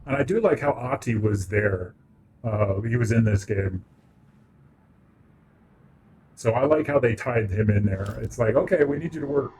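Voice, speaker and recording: A man talking through a warbly, pitch-shifted voice changer that wobbles his tone. His delivery is relaxed and offhand, tossing out jokey asides as he streams a game. His pitch sits mid-range under the processing. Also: moderate pace, a little hiss or hum, rough recording. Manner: offhand, joking asides over game audio. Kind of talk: casual let's-play commentary.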